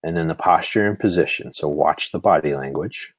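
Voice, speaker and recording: A man's voice: extremely low pitch, brisk, slightly rough, dry recording. A man giving a live-streamed lesson on bird behavior, explaining patiently with frequent "you know" fillers. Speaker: nature instructor.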